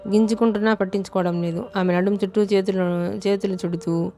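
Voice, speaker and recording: Flat-toned woman narrating a novel. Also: mid-range voice, fast. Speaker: audiobook narrator.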